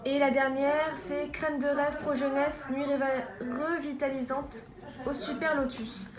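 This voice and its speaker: A woman's voice: sits high, little pitch movement, measured pace, crowd noise. A young woman from France showing off a beauty haul in a casual vlog, chatty with lots of fillers and restarts. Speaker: beauty vlogger. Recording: echoey room with background noise.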